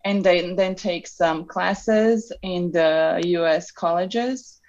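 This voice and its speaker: A woman's voice: lowish voice, takes it slowly, darkish tone, muffled recording. A woman from Serbia with a Serbian accent, chatting relaxedly as a podcast guest, with many ums and restarts. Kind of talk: casual interview chat.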